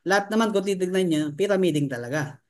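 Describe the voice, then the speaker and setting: High-voiced man giving a sales training talk. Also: fast. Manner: keeps asking the audience rhetorical questions; mixes English terms into his talk. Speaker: network marketing trainer.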